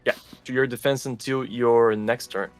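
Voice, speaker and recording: A man running a tabletop game as game master, explaining rules casually with halting restarts. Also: mid-range voice, fairly even intonation, faint music behind.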